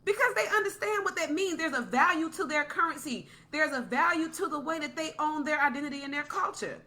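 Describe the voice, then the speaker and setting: A woman speaks with a high, bright, forceful voice in a passionate, preachy podcast monologue. She circles back and repeats her points for emphasis, building to a soapbox pitch. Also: a little fast.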